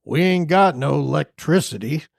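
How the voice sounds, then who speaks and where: A man doing a slow-witted country hillbilly who drags every word out in a lazy, folksy drawl. His voice stays fairly high and lilts up and down as he spins his yarn. The sound is close and dry. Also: lively intonation, creaky, no echo. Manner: slow, drawn-out folksy delivery.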